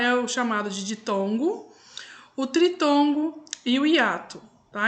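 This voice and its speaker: Brazilian woman, primary teacher, slightly high voice, patient step-by-step explainer. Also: a bit bright. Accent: Brazilian Portuguese. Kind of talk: recorded online lesson.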